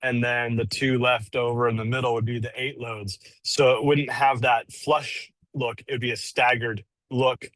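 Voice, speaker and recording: A man explains things in a halting way, restarting his sentences, while his call audio keeps breaking up. His voice sits at a middling pitch and sounds very dry, with no room around it. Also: little pitch movement, a bit bright, no room sound, rough recording. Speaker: laundromat co-owner. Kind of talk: casual podcast chat.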